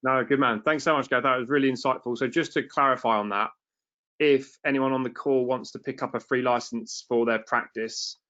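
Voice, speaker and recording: A man hosting a webinar, thanking the presenter and briskly reading out viewer questions. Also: mid-range voice, fairly even intonation, pushed and bright, dull audio. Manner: friendly, brisk, reads out questions. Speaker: webinar host.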